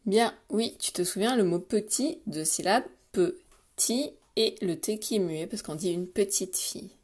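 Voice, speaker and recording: A woman teacher giving a spelling dictation to young children, speaking slowly and pronouncing each syllable with care. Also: medium pitch, darkish tone. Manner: slow, carefully articulated, patient; repeats words and stresses syllables for spelling. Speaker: primary school teacher.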